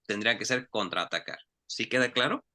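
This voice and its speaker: A man leads an English pronunciation class. His voice is very bright and forward, and he talks in an animated, coaxing way, slowing down to model each phrase. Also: mid-range voice. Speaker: English teacher. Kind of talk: online class, explaining in Spanish.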